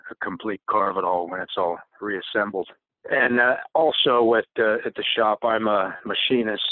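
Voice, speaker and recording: A man's voice: fairly low pitch, no echo. Man on a tinny phone line. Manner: hesitant, many fillers and restarts. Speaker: race mechanic guest. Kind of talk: casual interview answers.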